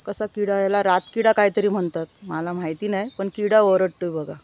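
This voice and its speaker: A woman's voice: mid-range voice, steady tone, a little fast, darkish tone. A woman from Konkan, chatting casually as she shows viewers around her farm. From Konkan, India. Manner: chatty, keeps pointing things out to viewers. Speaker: village vlogger. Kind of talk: casual walking farm tour. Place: outdoors in an orchard. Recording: faint outdoor noise from insects. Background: insects chirping.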